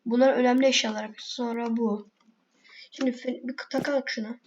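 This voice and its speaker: A woman's voice: on the high side, steady tone, moderate pace, muffled recording. A woman giving casual gameplay commentary, chatting to herself and her viewers with sudden exasperated outbursts, in a noisy home recording. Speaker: gaming video creator.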